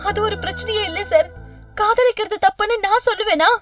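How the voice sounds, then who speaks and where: A woman's voice: extremely high pitch, a little fast, a bit bright, no echo, faint music behind. An actress playing a dutiful unmarried woman in her thirties who speaks earnestly and respectfully, in a television serial. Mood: pained. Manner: pleading, respectful, repeatedly says "sir". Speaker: lead character in a TV serial. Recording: distant dull TV audio with background score.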